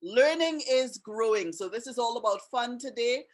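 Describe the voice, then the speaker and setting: A woman's voice: on the high side, animated, moderate pace. A woman from Trinidad and Canada with a Trinidadian accent tinged with Canadian, hosting an online webinar in a chatty, friendly way with many asides, on a computer mic. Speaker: webinar host and teacher. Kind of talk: casual online webinar presentation.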